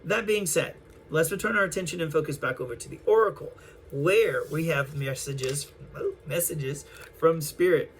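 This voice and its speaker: Gentle, affirming man reading tarot. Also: on the high side, animated, normal speed, a little hiss or hum. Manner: gentle, affirming, addresses listeners as darlings and collective. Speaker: tarot reader. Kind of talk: spiritual tarot reading to an online audience.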